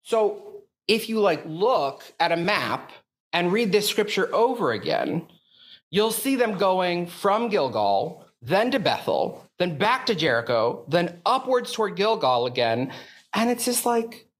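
Chatty, casual young-sounding priest. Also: male voice, a little slow. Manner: casual and chatty, many fillers like "like"; animated, rising pitch on questions. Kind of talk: conversational sermon.

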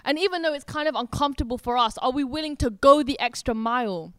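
Woman preaching, chatty and earnest, high voice, very dry sound. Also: animated, fast, clear, resonant tone, dry recording. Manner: earnest, conversational with many fillers. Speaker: worship speaker. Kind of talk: informal preaching.

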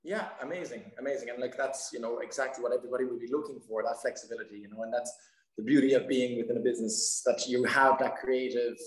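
A man's voice: medium pitch, fairly even intonation, fast talker. A man hosting a casual interview in a chatty, affirming way, often repeating his phrases. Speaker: interview host. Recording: echoey room.

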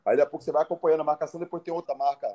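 Man, casual storytelling, animated and slangy, slightly high voice. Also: rapid-fire, highs cut off. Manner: animated, loose, full of slang and restarts. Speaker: ultramarathon athlete.

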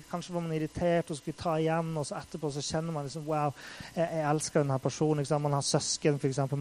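A man's voice: medium pitch, mellow, low-quality recording. A man preaching in a casual, conversational way, full of fillers, building to intense acted-out quotes. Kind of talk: casual sermon.

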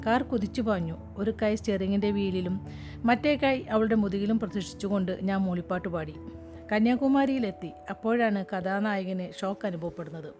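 A woman narrating a humorous short story in a steady, wry storytelling manner. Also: medium pitch, moderate pace. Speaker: story reader. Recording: music playing behind.

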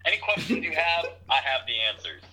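A man calling in over speakerphone, earnestly playing along in a comic call with a deadpan manner. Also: on the high side, a little fast, faint music behind, low-quality recording. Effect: heard over speakerphone. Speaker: caller. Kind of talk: comic prank podcast call.

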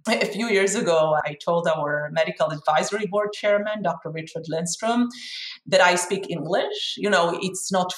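An Israeli chief executive answers interview questions frankly, her voice on the low side and her pace moderate. The room is echoey, giving the recording a roomy sound.

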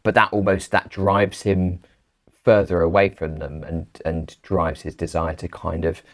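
A man's voice: low-pitched, little pitch movement, unhurried. A man co-hosting a podcast, rambling and giggly while talking about a film. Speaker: podcast co-host. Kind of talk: casual film review chat.

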